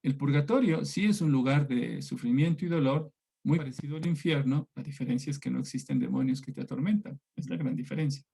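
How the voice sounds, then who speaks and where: A man's voice: medium pitch, fairly quick, gravelly, dark tone, slightly rough. A man with an Ecuadorian Spanish accent teaching a religion class over a video call, speaking conversationally and often checking in with his students. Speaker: catechism teacher.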